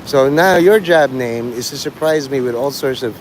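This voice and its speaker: A rough recording captures a live streamer with a mid-range voice at a moderate pace, rambling casually to his listeners. He digresses, talks bluntly and swears, while vehicle and traffic noise is clearly heard outside.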